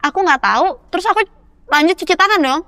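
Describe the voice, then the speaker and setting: A young woman telling a story in a casual podcast interview, animated and acting out the voices of the people she quotes. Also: extremely high pitch, fast, no room sound. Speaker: guest actress.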